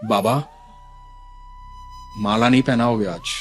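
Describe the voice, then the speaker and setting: A man's voice: fairly low pitch, slow, soft background music, voice pushed down. A man voicing the god Krishna as a young cowherd boy who coaxes and pleads tenderly in a devotional story.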